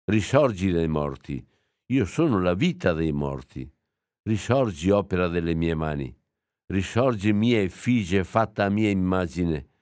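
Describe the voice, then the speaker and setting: A man, a priest, giving a homily and slowly reading an old text aloud, reflective and with small hesitations. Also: low-pitched, animated, a little mellow, dry recording, clean studio sound.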